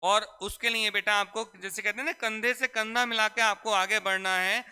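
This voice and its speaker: A man's voice: sits high, steady tone, normal speed, sharp tone, clean tone. A man teaching a classroom grammar lesson, repeatedly asking questions and answering them himself. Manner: repetitive call-and-response questioning. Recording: echoey hall reverb.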